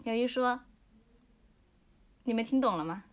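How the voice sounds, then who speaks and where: A young woman in her twenties chatting playfully with fans on a livestream, giggling as she tells a joke haltingly. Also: fairly high pitch. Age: 20s. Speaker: livestream host. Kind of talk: casual livestream chat with fans. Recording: dull lo-fi livestream audio.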